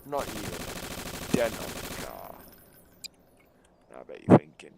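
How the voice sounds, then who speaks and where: Low gravelly man narrating gameplay, sarcastic. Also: wildly swooping pitch, measured pace, noisy background. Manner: sarcastic, mock-boastful showman. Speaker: gaming YouTuber. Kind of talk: casual gameplay commentary.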